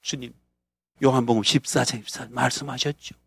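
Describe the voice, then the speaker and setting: A man from North Korea with a North Korean accent, a pastor and missionary telling a story in a sermon, acting out the scenes with bursts of shouting and laughter. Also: medium pitch, fairly even intonation, a little fast, vocal fry, slightly rough, no room sound.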